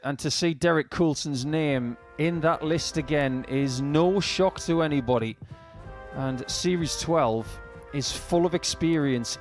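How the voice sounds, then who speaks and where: A man presenting live darts coverage and commentary. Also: on the high side.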